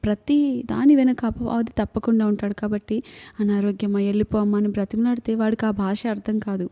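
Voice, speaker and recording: A woman's voice: medium pitch, fairly even intonation, fairly quick, mellow. A woman with a Telugu accent, preaching an earnest sermon full of repeated lists and rhetorical questions.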